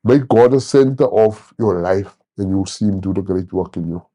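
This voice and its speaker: A man in his thirties giving a personal testimony in an interview, animated and acting out the people he quotes. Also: deep voice, moderate pace. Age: 30s. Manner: animated storyteller, acts out quoted voices. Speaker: church member sharing testimony.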